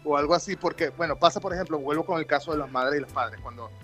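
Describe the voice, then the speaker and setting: A man with a fairly high voice hosts a relaxed podcast conversation. He winds his way through long, joking questions. Faint music plays beneath him. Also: fast. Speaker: podcast host.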